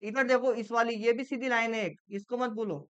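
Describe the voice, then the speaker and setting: A woman teaches a classroom reasoning lesson and keeps firing questions at her students. Her voice sits a little high and comes through clear and smooth. The recording is muffled and lo-fi, as in a classroom. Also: fairly even intonation, moderate pace, fairly bright tone. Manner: quizzing students with repeated questions.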